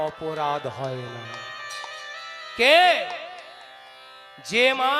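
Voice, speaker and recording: A man preaching a devotional kirtan sermon, asking his listeners questions as he tells the story. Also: high voice. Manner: animated, addresses listeners with questions. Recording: live sermon with music behind. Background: devotional music.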